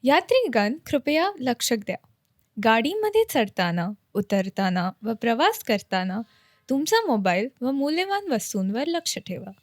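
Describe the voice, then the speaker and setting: A woman imitating a rapid train station announcement. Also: fairly high pitch, sing-song, no echo, studio quality. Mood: announcing. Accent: Indian. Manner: rapid, sing-song public announcement delivery.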